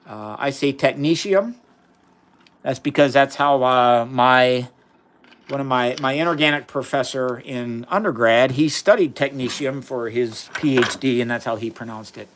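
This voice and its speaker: A man's voice: mid-range voice, a bit bright. A man hosting a live chemistry demonstration, explaining experiments casually and enthusiastically while reading viewer chat aloud. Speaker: science livestream host.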